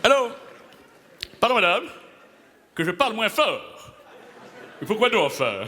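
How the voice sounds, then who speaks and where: A comedian performs an improvised character act for a live crowd, playing a pompous, self-important playwright who declaims grandly and laughs at his own jokes. His high, fully acted voice swings widely in pitch at a measured pace, in an echoey hall with loud crowd noise.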